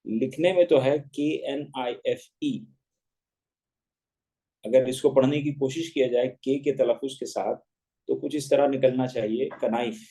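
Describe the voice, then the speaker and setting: A man teaching an online English grammar lesson, spelling words letter by letter and deliberately contrasting wrong and right pronunciations over a class call. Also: medium pitch, warm tone, rough recording.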